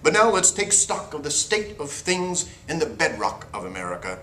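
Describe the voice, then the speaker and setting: A man's voice: fairly high pitch, sing-song, normal speed, bright, forceful tone, a little hiss or hum. A man playing a prim, square 1960s TV news co-anchor, earnest and sanctimonious, in a parody newscast. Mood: formal. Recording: echoey room.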